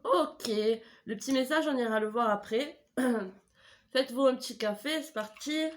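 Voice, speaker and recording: Speaking into a desk mic at home, a tarot reader gives a casual reading while battling a stuffy head cold. This middle-aged woman's voice is a little high and a little slow, and she rambles, often hesitating and correcting herself.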